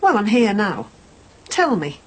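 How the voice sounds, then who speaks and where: A woman's voice: mid-range voice, very animated, a little slow, a little hiss or hum, poor audio. A woman playing a stern, disapproving mother of a grown son in a soap drama, blunt and reproachful.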